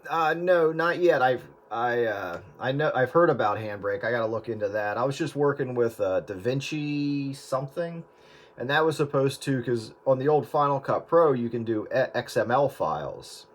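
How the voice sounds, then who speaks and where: Speaking at a normal pace in an animated, mid-range voice, this Northeastern US video editor rambles through a casual chat about working on old footage, full of fillers and false starts.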